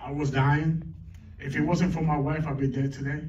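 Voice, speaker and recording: A man's voice: on the high side, flat delivery, moderate pace, a little mellow, a little hiss or hum. A middle-aged man doing a stand-up comedy set on a club stage, teasing the crowd with crude banter. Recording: echoey club, distant mic, dull lo-fi.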